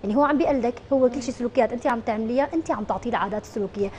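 A woman's voice: a little high, very fast, darkish tone, slight background noise. A woman with a Syrian Arabic accent, a psychologist guest on a morning TV show, explaining at length with frequent fillers and restarts.

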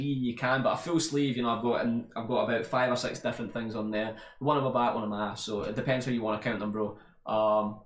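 A young man with a Scottish accent answering viewer questions in a casual gaming vlog, relaxed and rambling, full of ums and "bro". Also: medium pitch. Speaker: YouTube gaming creator. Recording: roomy echo.

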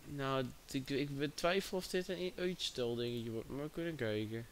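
There is slight background noise as a man hosts a livestream at a medium pitch and moderate pace. Distracted, he chats casually, addressing both his viewers and a friend.

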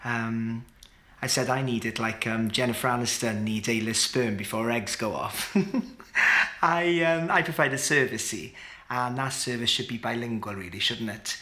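A man's voice: medium pitch, moderate pace, pushed and bright, natural voice. An actor playing a cheeky, camp man in his thirties, hesitant and arch in a mockumentary interview. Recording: echoey room.

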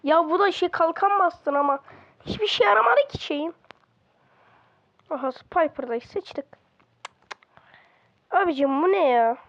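A high-pitched woman talks through her game in a casual, excitable way, breaking into exclamations and grumbling at the other players. She is recording in a bedroom at home. The sound is slightly dull and lo-fi. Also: a little slow, long pauses. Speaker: gaming video creator. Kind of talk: casual gameplay commentary.

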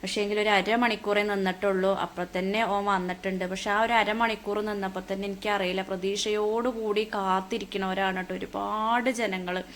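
A woman's voice: mid-range voice, flat delivery, normal speed, hardly any pauses, a bit bright, a little hiss or hum. Keralan woman vlogger in her thirties, chatty phone narration, faint ambience in the background. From Kerala, India. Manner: chatty, tag-heavy storytelling. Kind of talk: casual narration. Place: airport, indoors.

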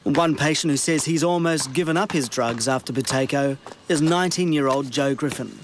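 A man with a New Zealand accent narrating a television news report in a measured, scripted way. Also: fairly high pitch, slight background noise.

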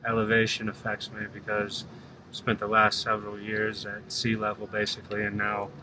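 Laid-back man vlogging from a car, flat voice. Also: on the low side, moderate pace, slight background noise. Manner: relaxed, thinking aloud with fillers. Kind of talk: casual vlog talk to camera. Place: inside a parked car. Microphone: phone held at arm's length.

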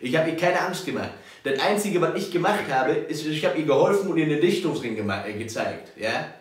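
A man's voice: fairly high pitch, lively intonation, brisk, lightly acted. A man putting on a blustering old caretaker. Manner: blustering, bossy, odd made-up insults. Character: cranky older male building caretaker. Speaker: prankster. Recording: very echoey room.

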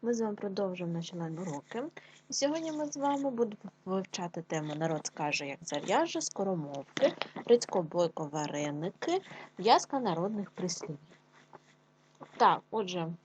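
A woman teaching an online reading lesson to young schoolchildren, reading tongue twisters slowly and clearly in a sing-song way. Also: mid-range voice, a little mellow, a little hiss or hum.

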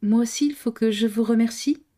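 A woman's voice: on the high side, brisk, dark tone, pitched above the performer's own voice, natural voice. A woman doing a cheerful, spontaneous young woman.

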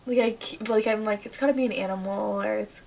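A woman's voice: medium pitch, steady tone, quick pace, creaky, darkish tone. A young American woman chatting casually for a night vlog, telling things in a hesitant way peppered with "like". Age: young adult. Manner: hesitant, filler-heavy storytelling with "like". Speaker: vlogger staying overnight in a garage. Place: cluttered garage at night, seated on sofa. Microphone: camera a few metres away. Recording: distant camera mic with background noise.

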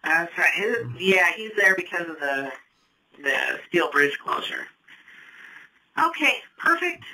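Dispatcher, two-way radio, procedural, very bright tone, faint noise. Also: medium pitch, big pitch swings, takes it slowly, pauses often, recorded from a distance, poor audio.

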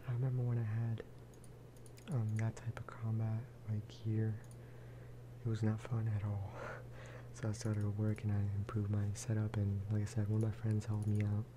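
Hosting a gaming ASMR clip, this soft-spoken man keeps his voice low and even and talks at a normal speed. His casual rambling often sinks to a whisper over audible background noise and clicking.

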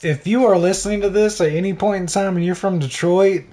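A man's voice: high-pitched, brisk, warm tone. A man streaming a detective game, chatting casually and bluntly, joking and swearing a lot. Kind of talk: casual profane gaming chat.

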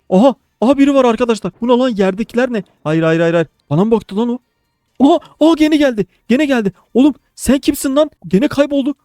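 A man hosting a modded game video, giving excitable commentary to his viewers with lots of casual swearing. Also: high-pitched, no room sound. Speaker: gaming video host.

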